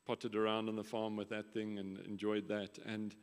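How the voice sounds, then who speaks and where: A low, evenly paced man in his thirties tells reflective stories at a memorial, his pitch staying level. The long echo of a large hall trails after his words. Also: completely flat delivery, moderate pace, clean tone. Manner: reflective storytelling, some restarts. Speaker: nephew giving memorial tribute. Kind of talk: memorial speech.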